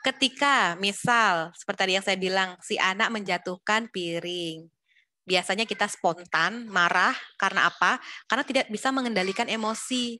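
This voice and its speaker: A woman's voice: medium pitch, normal speed, pushed and bright. A young woman, a psychologist, explaining parenting advice in a live online talk, hesitant and full of fillers. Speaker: psychologist speaker.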